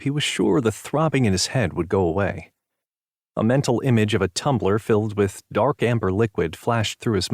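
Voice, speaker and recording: A man narrating a romance audiobook in a steady, even storytelling manner. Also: fairly low pitch, no room sound, studio quality. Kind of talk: scripted narration.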